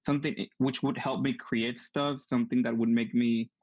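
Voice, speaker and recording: This guest is a young adult engineering student from Mexico, a Spanish native speaker with a heavy Mexican accent, earnestly answering questions in an online interview. His voice is medium in pitch, steady and somewhat dark, at a moderate pace, captured in lo-fi sound without echo.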